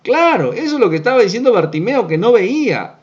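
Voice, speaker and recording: Man, bible teacher, lively pitch, checks in with listeners often, dull lo-fi sound. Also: fairly quick. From Peru. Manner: checks understanding with frequent tag questions, acts out quotes.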